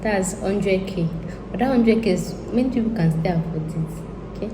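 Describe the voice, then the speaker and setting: In a medium-pitched voice at normal speed, a Nigerian YouTuber chats casually with her viewers, thinking aloud and repeating herself as she rambles. She's recorded in an echoey room with faint ambient noise.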